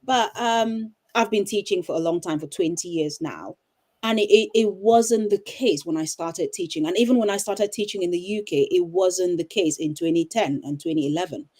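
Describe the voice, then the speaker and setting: Low, mellow-voiced woman from Cameroon. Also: moderate pace. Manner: thoughtful, with frequent ums and restarts. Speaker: teacher and coach. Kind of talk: casual interview answers. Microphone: video call.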